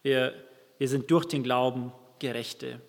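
A man's voice: mid-range voice, steady tone, measured pace, gravelly, big-room sound. A man preaching a sermon, reading a Bible passage and explaining it earnestly to his congregation, with some restarts.

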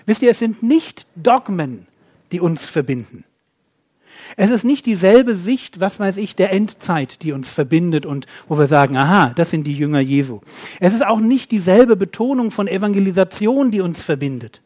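A man preaching a sermon, asking rhetorical questions and swinging between loud and quiet. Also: sits high, lively intonation, normal speed.

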